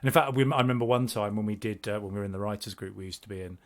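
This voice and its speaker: A man's voice: fairly low pitch, very fast. A man co-hosting a podcast over a video call, chatting casually in a teasing, wry way and laughing at his own jokes. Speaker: podcast co-host.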